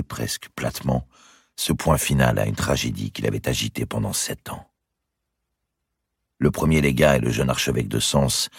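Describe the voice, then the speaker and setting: Deep husky male audiobook narrator, dry close sound. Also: no room sound. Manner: measured storytelling.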